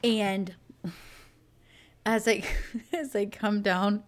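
A woman in her thirties tells stories in a casual chat as a co-host. She is animated and giggly, and she acts out the scenes. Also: mid-range voice, extremely slow. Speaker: podcast co-host.

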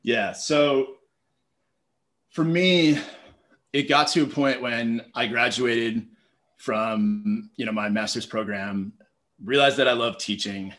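A man in his thirties telling stories as a podcast guest, lively and conversational, acting out his own thoughts with lots of "like". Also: medium pitch, slow pace, pauses often. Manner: animated, storytelling, acts out quoted thoughts, heavy use of "like". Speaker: podcast guest, public speaking teacher. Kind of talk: casual conversational interview.

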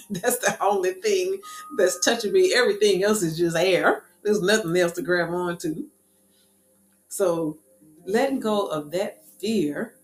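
A woman casually telling a personal story in a lively, animated way, with quick asides. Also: on the low side. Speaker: speaker sharing a personal story. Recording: echoey room with faint music.

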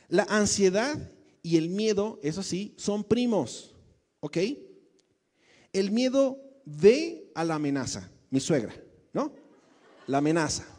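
Pastor preaching in a reverberant hall. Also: male voice, high voice, darkish tone. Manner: conversational, asks the congregation questions. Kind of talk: sermon.

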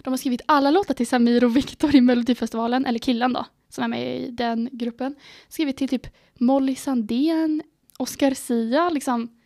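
A teenage girl co-hosting a podcast in casual chat, telling stories excitedly and acting out her own reactions. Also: sits high, few pauses, dry recording, clean studio sound. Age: teens. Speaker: podcast co-host.

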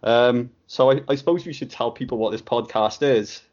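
A man co-hosting a casual podcast, with a deadpan, crude sense of humour. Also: mid-range voice, moderate pace. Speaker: podcast co-host. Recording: dull lo-fi home recording.

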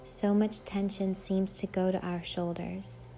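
Mellow woman guiding a meditation. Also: mid-range voice, level tone, creaky. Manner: hypnotic, unhurried, repetitive lulling phrasing. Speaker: podcast host leading a guided meditation. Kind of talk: slow, soothing guided meditation narration. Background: faint music.

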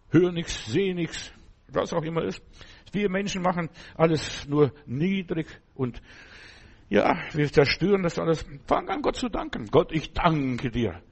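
A male pastor preaching a sermon, animated, swinging between loud bursts and low asides. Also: gravelly, breathy edge.

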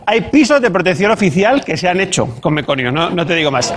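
A man's voice: sits high, sing-song, fairly quick, a bit bright. A man, doing a punchy stand-up monologue and acting out the voices he quotes. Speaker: stand-up comedian.

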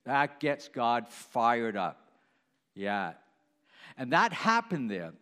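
Male pastor, sermon delivery, animated pitch, chatty, asks the room questions. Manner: conversational, asks the congregation questions, halting restarts.

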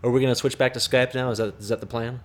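A man's voice: mid-range voice, steady tone. A man hosting a podcast over a video call, talking casually with lots of restarts and chuckles. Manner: halting, many restarts, chuckling. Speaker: podcast host.

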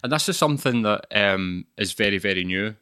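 A man's voice: lowish voice, lively intonation, brisk, pushed and bright, smooth, dry recording, studio quality. A man hosting a casual interview, asking questions in a hesitant way with frequent "um"s. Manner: hesitant, many "um" and restarts. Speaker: podcast host.

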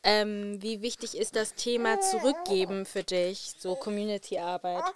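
Female podcast host, curious and casual interviewer, mid pitch. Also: measured pace, a loud crowd.

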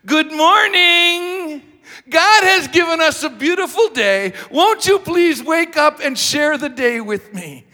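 A male preacher voicing a cheerful woman calling out in a high, sing-song voice. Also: expressive, takes it slowly, bright, forceful tone, big-room sound, full character voice. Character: cheerful sing-songy woman waking sleepers.

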